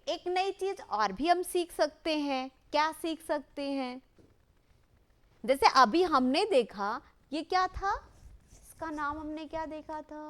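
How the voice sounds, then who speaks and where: A woman leads a lesson for young children, her voice high and swooping widely up and down. She speaks slowly, prompting the class with questions and drawing out key words for them to repeat in call and response. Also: fairly bright tone. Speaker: teacher.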